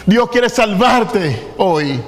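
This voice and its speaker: A man preaching an impassioned sermon as pastor, building to emphatic peaks and dropping to hushed appeals. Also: sits high, expressive, very slow, big-room sound. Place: large church sanctuary.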